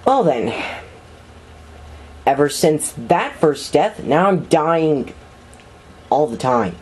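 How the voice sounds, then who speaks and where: A let's-play commentator talks through a game in an unhurried, drawn-out way, and the voice leaps up and down in pitch. The delivery is melodramatic and panicky, with the same word often repeated in long strings. A faint hiss sits under the voice. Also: big pitch swings, darkish tone, poor audio. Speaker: gameplay commentator.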